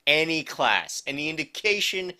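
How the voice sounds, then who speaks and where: A man's voice: a little high, sing-song, normal speed, bright, forceful tone. A man co-hosting a casual podcast, rambling and correcting himself with a wry edge. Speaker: podcast co-host. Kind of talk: casual chat.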